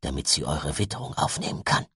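A man's voice: rumbling low, brisk, fairly bright tone, slightly rough, no echo, studio quality, voice pushed down, exaggerated voice. A man reading an audiobook, voicing a stern, secretive uncle who commands in a raised voice.

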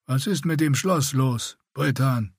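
A man's voice: mid-range voice, takes it slowly, breathy edge, no room sound, studio quality, pitched above the performer's own voice. A man voicing a tall, older male warrior who grumbles and speaks dismissively. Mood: grumpy.

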